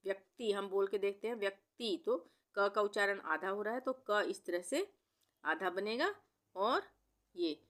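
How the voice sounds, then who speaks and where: A woman teaching Hindi spelling as a voice-over, who says each word slowly and then repeats it several times. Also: mid-range voice, fairly bright tone. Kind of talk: spelling lesson.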